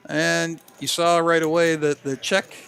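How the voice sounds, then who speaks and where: Higher-pitched man calling live poker. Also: little pitch movement, measured pace, gravelly, a bit bright. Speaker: poker stream commentator.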